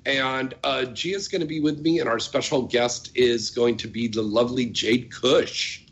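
A man's voice: mid-range voice, fairly even intonation, a little slow, a bit bright, dull audio. A man hosting a casual radio chat show in a jokey, bantering way. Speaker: talk show host.

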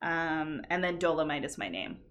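A woman of about twenty-nine speaks in a lowish, raspy voice full of vocal fry. She chats casually as a podcast co-host, blunt and free with swearing. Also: big pitch swings, normal speed, fairly bright tone. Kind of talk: casual chat.

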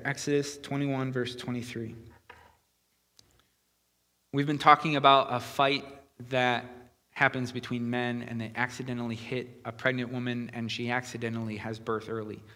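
A man's voice: mid-range voice, level tone, normal speed, pauses often, pushed and bright. A man preaching a conversational sermon, explaining earnestly with frequent fillers and restarts. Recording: long hall reverb.

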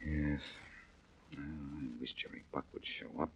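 An actor playing a wry, confident male detective on an old radio show, with a gravelly, husky voice and dry, probing questions. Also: extremely low pitch, little pitch movement, unhurried, slight background noise. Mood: brooding. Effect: old radio show broadcast. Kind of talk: 1940s radio acting. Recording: dull lo-fi old radio recording.

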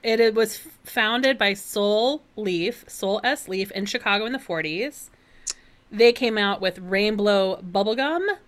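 A woman co-hosting a podcast, laying out facts in an unhurried, casual way. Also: medium pitch. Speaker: podcast co-host. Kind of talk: casual chat.

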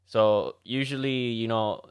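A man's voice: medium pitch, steady tone, measured pace, clear, resonant tone. A man with a Miami Cuban accent co-hosting a casual chat, joking and switching between English and Spanish. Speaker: podcast co-host.

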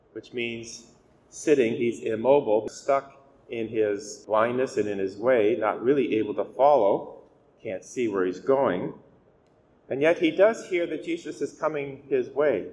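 A man speaking as a priest giving a scripture reading and homily, measured and deliberate with emphatic key words, his voice echoing as in a cathedral. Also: mid-range voice. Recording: echoey church reverb, clear background noise.

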